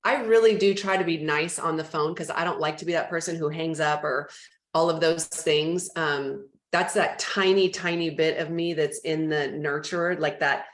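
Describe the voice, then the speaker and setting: A woman leading a real estate team training, talking in a chatty, animated way and acting out phone calls. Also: deep voice, moderate pace, roomy sound.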